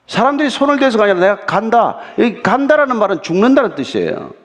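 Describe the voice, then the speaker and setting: A man's voice: sits high, huge pitch swings, rapid-fire. A male pastor preaching a sermon in a conversational way, asking the congregation rhetorical questions and acting out quotes. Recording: church hall reverb.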